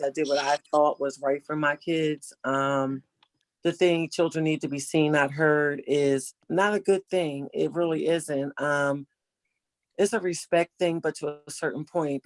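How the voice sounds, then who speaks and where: An older woman in casual conversation, giving earnest, motherly advice and slowing down to stress her points. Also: deep voice, no echo. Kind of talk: casual chat.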